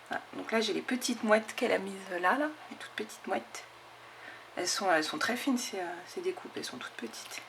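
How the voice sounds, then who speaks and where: Showing off scrapbooking crafts from her mail, a channel host chats casually and eagerly with viewers, sprinkling in fillers and "hop". Her medium-pitched voice is gravelly and a bit bright, with a little hiss or hum present.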